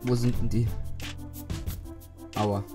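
Eine sehr tief sprechende Frau kommentiert entspannt ein Let's Play, mit Füllwörtern und plötzlichen Zurufen. Das Mikrofon ist übersteuert und verzerrt hörbar, darunter liegt klare Musik. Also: female voice, a bass voice, flat delivery, takes it slowly. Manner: mumbles to herself, fillers, sudden calls while playing. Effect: clipping, distorted overdriven mic. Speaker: Minecraft let's player. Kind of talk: casual gameplay commentary. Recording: clipping mic with game music behind.

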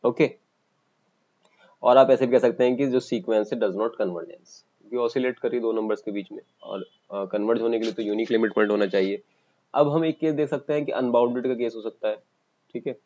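A man with an Indian accent teaching a math lesson for exam coaching, explaining step by step and pausing as he writes. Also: mid-range voice, warm tone, dull audio. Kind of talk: online exam-coaching lecture.

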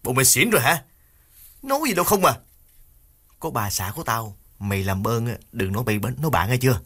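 A man voices a short-tempered thief, snapping and scolding in curt bursts. Soft music runs underneath. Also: medium pitch, animated, fast, husky, voice pushed up. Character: irritable older-brother thief, scolding.

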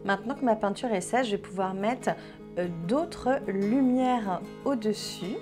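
A young woman from France chatting casually through her painting vlog, relaxed and full of little fillers. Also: medium pitch, a little slow, over music. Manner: chatty, relaxed, many fillers like "euh" and "bah". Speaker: painting vlogger.

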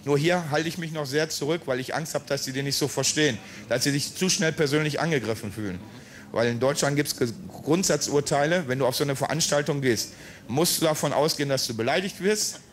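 Man, middle-aged, German accent, market seller explaining, somewhat raised pitch, handheld mic. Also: a little fast. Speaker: market crier. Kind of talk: explanatory interview talk. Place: outdoors at a market sales truck. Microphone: handheld reporter microphone.

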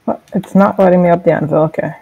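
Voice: mid-range voice, steady tone, quick pace, creaky, husky, phone-quality sound. Playful laughing gamer. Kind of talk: casual multiplayer game chat.

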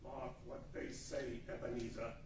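A man playing a regretful, chained ghost in a radio play, giving solemn, drawn-out warnings. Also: mid-range voice, level tone, darkish tone, close to an everyday voice. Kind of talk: 1940s radio play acting. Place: large indoor meeting room, live stage reading. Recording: echoey noisy room, distant mic.

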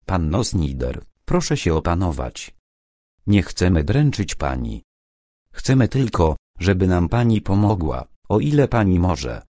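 A man voicing a courteous but firm police inspector in an audiobook, measured and by turns gentle and sharp, in a low voice. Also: sing-song, no room sound, studio quality, exaggerated voice. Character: stern but courteous middle-aged male police inspector. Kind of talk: audiobook character reading.

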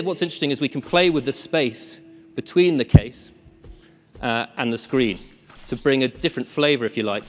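A man presents a live tech demo on a conference stage, relaxed and self-deprecating, filling gaps with ums. His voice sits in the middle range and carries a long reverb from the large hall around him. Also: mid-range voice.

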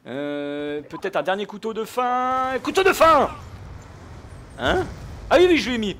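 A man giving live, jokey gameplay commentary, shouting out his kills. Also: high-pitched, very animated, moderate pace. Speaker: gaming video host.

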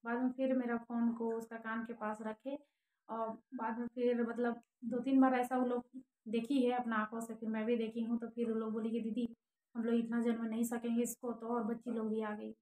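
A woman's voice: a little high, flat delivery, normal speed, a little mellow, roomy sound, poor audio. Earnest woman. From Jharkhand, India. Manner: earnest, rambling retelling with many fillers. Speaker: vlogger. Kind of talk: casual storytelling vlog.

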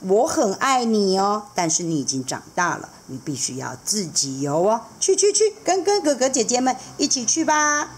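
A woman voicing a cheerful, friendly male seahorse father in a children's story, with bright exclamations and sing-song farewells. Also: mid-range voice, sing-song, normal speed, few pauses, slight background noise, voice pushed up, natural voice. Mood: doting.

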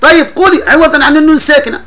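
A man teaching a classroom grammar lesson at a fast clip. His voice sits high and bright. He explains patiently, often laughing and restarting words mid-thought. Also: a little hiss or hum.

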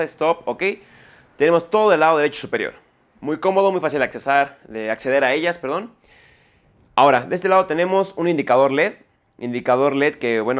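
Guy doing a keyboard review, explains everything step by step, keeps saying ok?, corrects himself sometimes. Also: on the high side. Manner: explanatory, repeats "¿ok?" after points; self-correcting mid-sentence. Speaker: tech reviewer. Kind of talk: product review tutorial.

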